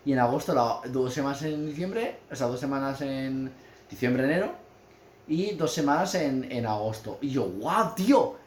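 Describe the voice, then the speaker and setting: A man from Spain telling an animated, exaggerated story in casual chat, ranting and swearing. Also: medium pitch, normal speed. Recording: echoey room with faint background noise.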